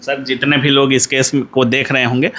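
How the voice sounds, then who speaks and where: A man's voice: medium pitch, flat delivery, normal speed, pushed and bright. A male news interviewer who asks questions politely, calls his guest sir, and closes the segment by speaking to viewers.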